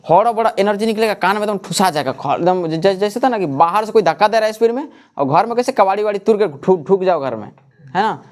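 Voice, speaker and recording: Man teaching a class. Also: high voice. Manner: asks the class questions and answers them himself. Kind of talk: classroom lecture. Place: coaching classroom.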